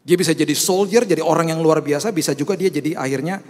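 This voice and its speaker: A middle-aged male pastor, telling animated stories in a sermon and mixing in English phrases. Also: a little high, fast talker, big-room sound.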